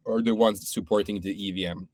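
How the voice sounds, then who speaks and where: Man from Serbia, low voice, dry sound, casual podcast chat, hedging. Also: steady tone, brisk, a little mellow, no room sound. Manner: thoughtful, hedging, many restarts. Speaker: podcast guest, startup co-founder.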